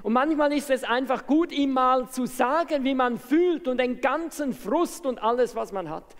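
A man's voice: extremely high pitch, moderate pace. A man preaching an impassioned evening sermon who raises his voice to make his points. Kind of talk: evangelistic sermon. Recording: reverberant hall.

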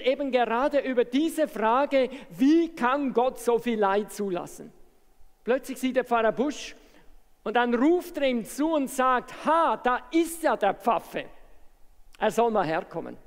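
A man preaching an impassioned evening sermon who raises his voice to make his points. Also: very high-pitched. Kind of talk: evangelistic sermon. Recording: reverberant hall.

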